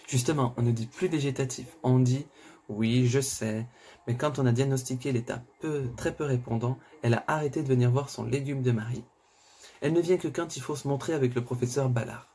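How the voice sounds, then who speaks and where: A blunt, tired male nurse, as the reader puts him on, speaking in a mellow, darkish voice. His lines are curt and matter-of-fact, from a thriller read aloud. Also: mid-range voice, a little fast, a little hiss or hum, lightly acted. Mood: gossiping.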